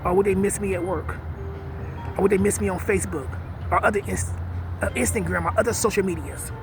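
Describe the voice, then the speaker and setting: A man's voice: high-pitched, fairly quick. A man in his late fifties talking outdoors in a sad, earnest, confessional way. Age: 50s. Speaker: vlogger. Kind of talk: personal reflective monologue. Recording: music playing under the voice.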